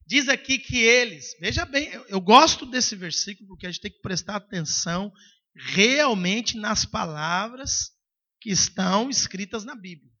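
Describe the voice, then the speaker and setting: A male pastor delivering a sermon with a very high, sharp, bright voice. He preaches emphatically and sometimes bursts into shouting. The recording sounds dull and lo-fi. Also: lively intonation, unhurried.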